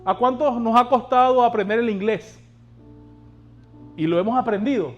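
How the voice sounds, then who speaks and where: A man with a notably high voice preaches to his congregation, pressing them with questions and calls to act. Faint instrumental music plays softly behind him. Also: normal speed, dull audio. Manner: exhorting, asks the congregation rhetorical questions. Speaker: pastor. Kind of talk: sermon.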